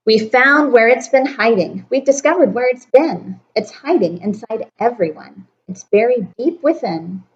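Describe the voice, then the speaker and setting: Woman reading storybook court jester, hopeful, rhyming, higher voice, dull lo-fi sound. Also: lively intonation, unhurried, hardly any pauses. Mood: joyful. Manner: rhyming storybook speech, earnest. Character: cheerful determined male court jester.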